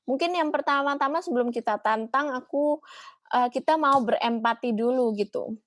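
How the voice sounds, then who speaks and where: A woman psychologist answering questions in a talk, explaining gently and mixing English phrases into Indonesian with many hesitant fillers. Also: high-pitched, moderate pace. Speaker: psychologist guest. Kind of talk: Q&A answers on mental health.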